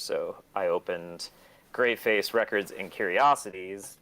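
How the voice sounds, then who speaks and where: A record label and shop owner talks casually as an interview guest, rambling self-deprecatingly and swearing freely. His voice is lowish with a fairly bright tone.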